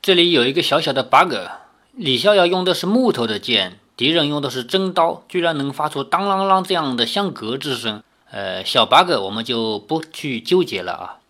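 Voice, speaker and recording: A woman reads a novel aloud with a lively, swinging pitch. She tells it expressively and stops now and then for a casual aside to her listeners. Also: moderate pace. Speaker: storyteller.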